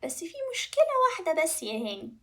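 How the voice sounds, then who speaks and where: A woman's voice: high voice, very animated, quick pace, pushed and bright, pitched above the performer's own voice, heavily acted. A woman with an Egyptian Arabic accent voicing a clever, brave young princess in a children's story. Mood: coaxing. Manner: sweet and coaxing, then firm.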